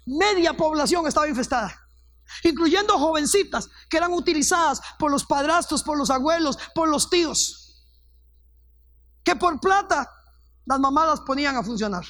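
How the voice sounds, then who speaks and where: A woman's voice: high-pitched, expressive, normal speed, fairly bright tone, no echo, clean studio sound. Fervent woman pastor preaching. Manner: fervent storytelling, acts out quoted voices. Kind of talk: testimony sermon.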